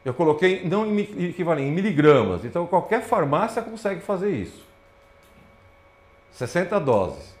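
A man's voice: a little high, normal speed. A man giving a lecture to an audience, pointing at slides as he talks. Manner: animated, points at slides with repeated "ó, olha só". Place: lecture hall. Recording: roomy lecture hall.

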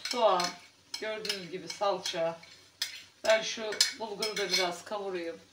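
A woman's voice: medium pitch, steady tone, moderate pace, reverberant, recorded from a distance, very noisy. A woman chatting casually to her viewers as she cooks at home, talking in a homely vlog style. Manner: chatty, talks to viewers while cooking. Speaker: home cooking vlogger. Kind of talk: casual cooking vlog chat. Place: home kitchen.

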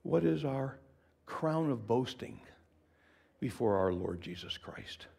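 A man preaching a sermon in an expressive, conversational way, asking the listeners questions and often dropping to a whisper for emphasis. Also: medium pitch, takes it slowly, vocal fry, husky. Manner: conversational, asks the congregation questions.

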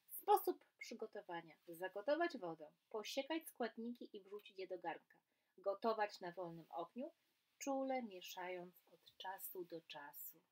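A woman reading a children's storybook aloud in a gentle, soothing way, then talking casually about it. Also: medium pitch, low-quality recording. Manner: gentle, soothing, with filler sounds. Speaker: workshop leader. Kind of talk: storybook narration.

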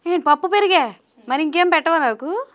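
A woman's voice: very high voice, lively intonation, brisk, a bit bright. A woman interviewer in playful chat with a small child, asking teasing, coaxing, sing-song questions.

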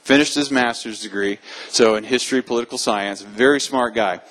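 A man's voice: mid-range voice, fairly quick, a bit bright, low-quality recording. A man introducing the next speaker to a live audience in a friendly, conversational way. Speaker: event host introducing a speaker. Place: live talk before an audience.

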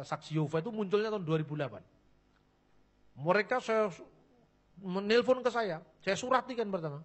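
A middle-aged man preaching a blunt, mocking sermon full of anecdotes. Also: high voice. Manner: animated, mocking, blunt, switches into Javanese phrases. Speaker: pastor.

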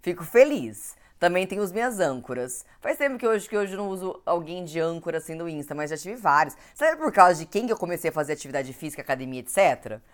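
A woman's voice: on the low side, sing-song, quick pace, hardly any pauses. A young woman from Brazil with a cold, chatting casually with viewers on a live stream and greeting them by name. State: has a cold. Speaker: nutritionist hosting an Instagram live. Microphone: home recording setup.

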